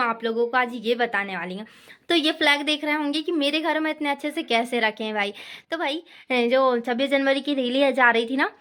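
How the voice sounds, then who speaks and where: Chatty young woman giving a home tour. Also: on the high side. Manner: chatty, addresses viewers as "bhai" and "yaar". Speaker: vlogger. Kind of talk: casual home tour vlog. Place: small home, indoors.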